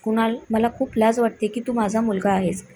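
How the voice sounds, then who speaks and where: A woman's voice: fairly high pitch, steady tone, a little fast, dark tone, slight background noise, lightly acted. A woman voicing a worried, tearful middle-aged mother in a storybook narration. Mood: crying. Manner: anxious, tearful.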